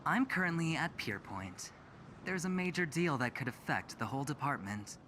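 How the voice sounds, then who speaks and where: A smug young gambler with a silky, teasing drawl that rises and falls a great deal. His lines are game audio with a steady hiss of noise behind them. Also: on the high side, moderate pace. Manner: teasing, smooth-talking. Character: smug charming young male gambler executive.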